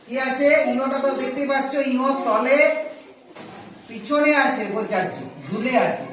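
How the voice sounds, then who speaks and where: A man teaching children spelling, patient and repetitive, asking questions and saying words slowly. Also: extremely high pitch, fairly bright tone, slight background noise. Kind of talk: children's Bengali spelling lesson. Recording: echoey room, voice from a distance.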